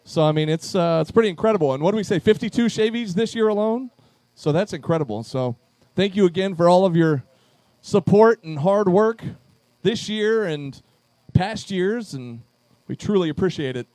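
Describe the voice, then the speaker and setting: A man's voice: high-pitched, expressive, moderate pace, few pauses, a little mellow, no echo. A man emceeing a live charity event at a pub, upbeat as he calls names to chairs on a handheld microphone.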